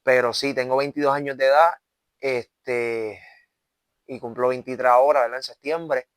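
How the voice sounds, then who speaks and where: The voice is a smooth, steady, mid-range one at normal speed, with no room sound, belonging to a Puerto Rican man in his twenties. As an evangelist guest in an interview, he earnestly recounts his testimony in Puerto Rican Spanish, with frequent restarts and a steady stream of "¿verdad?" tags.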